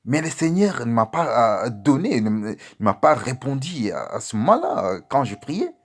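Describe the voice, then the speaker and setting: A man preaching as a pastor, telling a testimony to his listeners and calling them beloved, with sudden loud outbursts and quiet asides. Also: mid-range voice, big pitch swings, normal speed. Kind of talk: sermon testimony.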